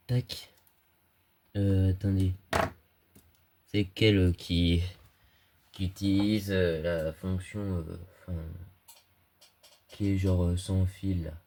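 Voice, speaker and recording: A young man with a low, dark-toned voice and a stuffy cold casually walks through an electronics project in a screen-recorded tutorial. He's a hobbyist electronics YouTuber, hesitant and full of fillers and slang.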